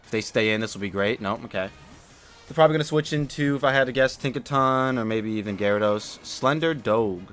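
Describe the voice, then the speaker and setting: A man talks through his own Pokemon battle in a loose, rambling way, filling gaps with "uh" and "um." He sounds a little drowsy, then jumps to loud, excited outbursts. His voice sits in a middle pitch, with faint music playing underneath. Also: brisk. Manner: relaxed and chatty, many fillers, swings into loud excited reactions. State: drowsy after a nap. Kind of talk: casual gameplay commentary. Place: home room.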